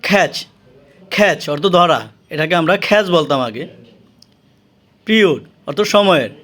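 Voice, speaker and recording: A man with a Bangladeshi accent teaching English vocabulary, saying each word slowly and repeating it with its meaning. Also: fairly high pitch, lively intonation, a bit bright.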